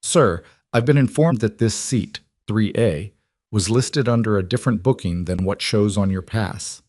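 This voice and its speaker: A brisk flight attendant in her forties, as a male narrator puts her on, all cheerful, patient politeness with a condescending edge. The voice sits fairly low and dry, with a smooth, practiced apology in every line. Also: a little mellow, no echo. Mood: falsely polite.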